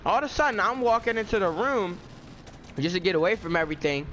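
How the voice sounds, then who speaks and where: A man's voice: high-pitched, lively intonation, fast, fairly bright tone, a little hiss or hum. A teenage boy telling a storytime vlog in a casual, indignant, ranting way. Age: teens. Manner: indignant, ranting, self-justifying.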